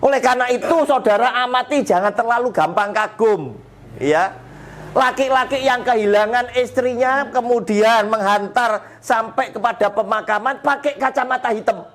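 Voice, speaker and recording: A man's voice: very high-pitched, normal speed, a bit bright, a little hiss or hum. An older man preaching to an elderly Bible study group in a folksy way, chuckling often.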